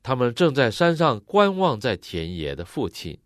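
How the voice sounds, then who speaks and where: A man interpreting a sermon phrase by phrase, matching the preacher's expressive delivery. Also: mid-range voice, normal speed, dry recording, studio quality.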